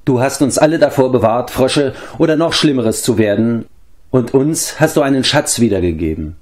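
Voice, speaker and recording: A man voicing a grumpy, gruff male dwarf in a storybook reading, grumbling as he talks. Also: mid-range voice, animated, normal speed, darkish tone, pitched above the performer's own voice, close to an everyday voice. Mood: solemn.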